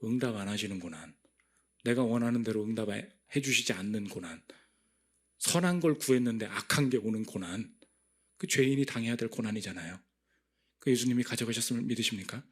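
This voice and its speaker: A man pastor preaching a Friday prayer meeting sermon in a lively way, acting out inner voices with big jumps in pitch and loudness. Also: a little fast, husky. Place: church.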